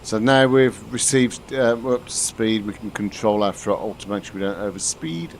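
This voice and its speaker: In a lowish, gravelly voice at a moderate pace, a man from the UK gives live-stream commentary to his chat while flying a flight simulator. He talks through the cockpit casually and replies to viewers, restarting often. There's slight background noise.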